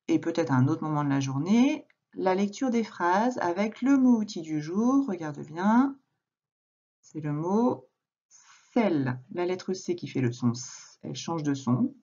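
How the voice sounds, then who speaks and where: Woman teacher doing a kids reading lesson, slow and patient, bit gravelly, lo-fi sound. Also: lowish voice, mellow. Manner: slow, patient, addresses the child directly. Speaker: primary school teacher. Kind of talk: recorded reading lesson for a young child. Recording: dull lo-fi home recording.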